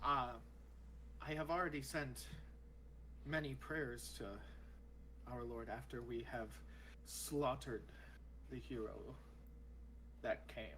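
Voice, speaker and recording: Man playing a slow, courtly armored warrior. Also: mid-range voice, steady tone, sharp tone, a little hiss or hum, rough recording. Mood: earnest, cautious. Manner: formal, courtly, hesitant. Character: deferential armored holy warrior serving a dark lord. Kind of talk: tabletop role-play.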